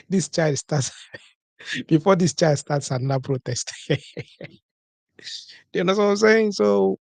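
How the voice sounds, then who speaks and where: A man giving an animated comedic monologue on a livestream, acting out little exchanges between couples and often checking in with "you understand?". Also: high-pitched, a little slow, gravelly, long pauses, dry recording. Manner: animated, acts out couples' dialogue, keeps asking "you understand?". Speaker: comedic commentator.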